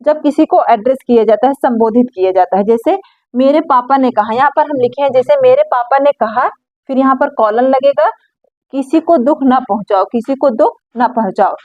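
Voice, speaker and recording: High-voiced woman teaching grammar. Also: no room sound. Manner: repeats words slowly, addresses viewers as friends. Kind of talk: explaining grammar lesson. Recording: dry, dull lo-fi recording.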